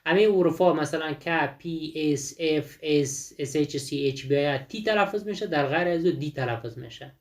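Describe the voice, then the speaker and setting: A man teaching an English textbook lesson with a Dari accent. He reads English examples slowly and explains them in quick speech, often asking and answering his own questions. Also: a little high.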